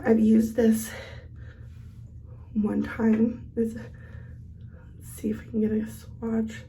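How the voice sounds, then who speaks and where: A low-quality recording captures a woman's slightly high, gravelly, dark voice as she does her makeup. She's a beauty vlogger who's ill and losing her voice, chatting and thinking aloud in a laid-back get-ready-with-me.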